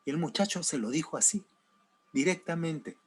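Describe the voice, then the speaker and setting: A man preaching a sermon, telling a story slowly, his voice swinging between raised emphasis and hushed, soft passages. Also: on the high side, husky. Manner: slow, dramatic swings between loud and hushed. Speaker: pastor.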